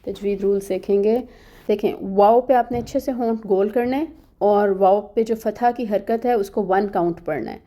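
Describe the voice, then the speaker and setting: A woman's voice: mid-range voice, warm tone. A woman teaching Quran recitation rules in an online lesson, explaining each sound patiently and step by step, often checking in with her students.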